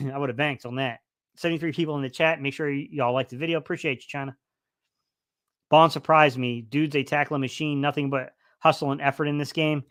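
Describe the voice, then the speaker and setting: A fairly high-pitched man with fairly even intonation talks briskly in a slightly bright tone; the studio-quality audio has no room sound. Hosting a casual football stream, he reads the chat and rambles with many fillers and restarts, his voice starting to fail a little.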